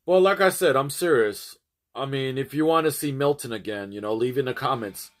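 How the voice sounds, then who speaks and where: A man's voice: medium pitch, brisk. Rambling man chatting to his stream. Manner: rambling, restarts and repeats phrases. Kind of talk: casual chat to a livestream audience.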